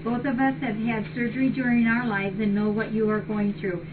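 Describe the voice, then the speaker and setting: The host of a live stream from a cat rescue shelter, an older woman with a fairly high voice that moves little in pitch, reads things aloud and chats casually and appreciatively at a moderate pace. She is recorded from far off by a fixed webcam in the large indoor cat room, and the sound is muffled and noisy.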